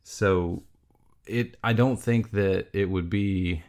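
Deep gravelly man in casual chat. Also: takes it slowly, a little mellow. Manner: rambling, laughs often, many restarts and fillers. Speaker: podcast host. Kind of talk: casual chat about a film.

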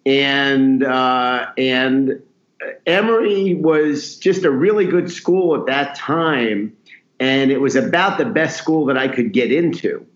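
An echoey, slightly dull recording of a middle-aged man. He speaks as an interview guest, in a casual storytelling way, at an ordinary male pitch. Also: takes it slowly. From Queens, New York. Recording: dull, roomy, echoey audio.

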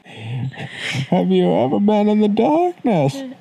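Someone putting on a brooding villain voice born of darkness, speaking into a drinking glass so it sounds muffled, with heavy vocal fry. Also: mid-range voice, very animated, slow pace, a crowd in the background, full character voice. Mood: menacing. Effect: voice muffled by talking into a drinking glass.

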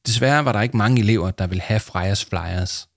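A man calmly reading a children's book aloud as narrator. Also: fairly low pitch, no echo, studio quality.

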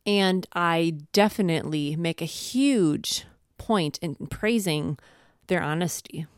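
A woman's voice: lowish voice, slow, smooth, no echo, studio quality. A middle-aged woman co-hosting a podcast, chatty and playful, laughing often as she talks. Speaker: podcast co-host. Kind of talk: casual chat.

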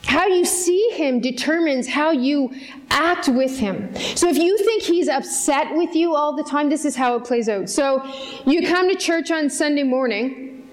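A woman's voice: high-pitched, animated, measured pace. A woman pastor preaching a sermon in an earnest, conversational way, often putting direct questions to the congregation. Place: church service in front of a congregation.

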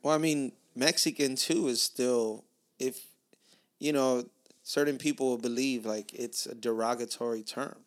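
Male co-host, mid-pitched, blunt and profane in banter. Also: fairly even intonation, a little slow. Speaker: podcast co-host. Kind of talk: casual chat.

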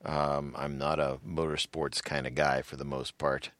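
A man with a very low, deep voice chatting casually as a podcast co-host. He rambles through his thoughts with plenty of fillers and breaks into laughter often. The sound is dry and close, with no room around it. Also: flat delivery, moderate pace, fairly bright tone, no echo. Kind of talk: casual chat.

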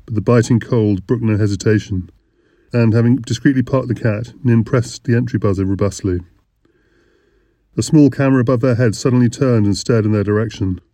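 A man reading an audiobook in measured, descriptive narration. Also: medium pitch, warm tone, no room sound.

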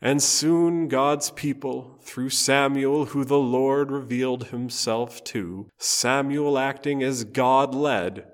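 A man preaching a storytelling sermon, telling Bible stories slowly, phrase by phrase, with dramatic pauses. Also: medium pitch.

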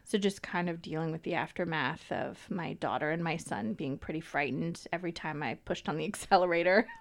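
A woman's voice: deep voice, brisk. A middle-aged woman co-hosting a casual talk show. She talks in a chatty, storytelling way. She laughs easily between her sentences. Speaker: co-host. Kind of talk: casual chat.

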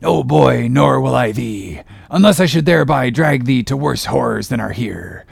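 A man's voice: medium pitch, lively intonation, normal speed, no room sound, heavily acted. A man playing a grandiose, brooding, tormented whaling captain in a dramatic audiobook, with archaic, commanding speech. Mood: impassioned. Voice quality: gravelly, husky. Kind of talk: dramatic audiobook character reading.

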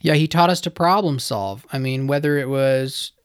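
A speaker telling a story in casual conversation, lively, with frequent fillers and laughs. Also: mid-range voice, normal speed, clear, resonant tone.

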